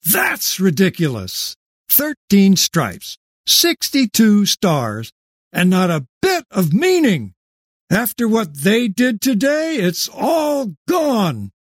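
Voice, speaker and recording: An actor playing a cranky, defiant old great-grandfather in an audio drama, gruff and scornful, sometimes bursting into shouts. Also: fairly high pitch, very animated, a little slow, no echo, studio quality, heavily acted. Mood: scornful, outraged. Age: older.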